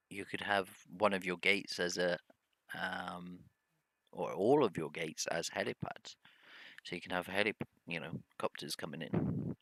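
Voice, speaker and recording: Low, slow-talking man playing a game. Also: creaky, a bit bright, no echo. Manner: rambling, hesitant, humming to himself. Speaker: gameplay video host. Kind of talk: casual let's-play commentary.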